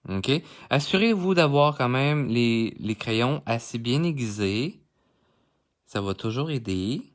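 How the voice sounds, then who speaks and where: A man's voice: medium pitch, lively intonation, takes it slowly. A man with a Québécois accent giving a live coloring tutorial, chatting directly with his viewers as he works. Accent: Québécois French. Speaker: art instructor. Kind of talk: live-streamed drawing tutorial.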